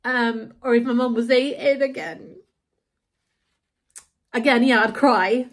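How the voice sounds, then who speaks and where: A woman's voice: a little high, steady tone, takes it slowly. A woman talking casually at home into a handheld phone, rambling, with lots of "like" and "you know". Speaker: vlogger. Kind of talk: casual confessional vlog. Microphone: handheld phone camera.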